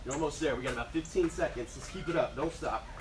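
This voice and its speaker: A man's voice: on the high side, fast, music in the background. A man in his thirties coaching like an aerobics instructor while exercising, with short urging cues and countdowns, recorded on an outdoor porch by a distant camera. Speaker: fitness instructor. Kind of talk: aerobics instructor leading a timed workout. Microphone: camera several metres away. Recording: echoey, noisy, distant camera microphone outdoors.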